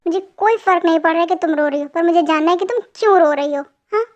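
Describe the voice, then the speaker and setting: A young narrator voicing a stubborn, teasing young husband who argues and then softens, as in a spoken fan storybook. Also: male voice, extremely high pitch, fast talker, dull audio. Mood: concerned. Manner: teasing, argumentative.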